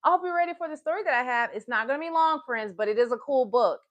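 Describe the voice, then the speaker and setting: Fast and high-pitched, this woman hosts a live story time for children with excitable, encouraging energy. She often says phrases more than once and talks to her listeners as her friends.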